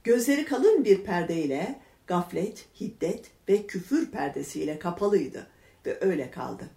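A woman reading a religious story aloud in a measured, expressive way, voicing the lines of its characters. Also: fairly low pitch, vocal fry. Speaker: reader. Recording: echoey room.

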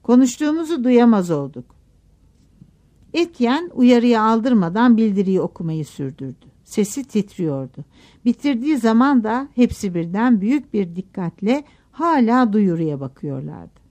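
Expressive woman reading a novel. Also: mid-range voice, moderate pace. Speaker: narrator. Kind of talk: audiobook narration of a novel.

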